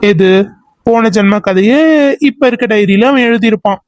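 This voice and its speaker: A man's voice: sits high, steady tone, moderate pace, no echo, natural voice. A man voicing a doubtful young friend in a cartoon serial who questions the plan. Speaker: cartoon character.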